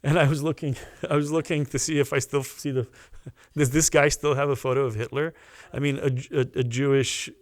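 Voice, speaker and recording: A man, a guest on a podcast, telling a personal story in a casual, animated way, often stopping to restart a phrase. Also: medium pitch, a little fast, hardly any pauses, no room sound, studio quality. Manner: animated anecdote teller with restarts.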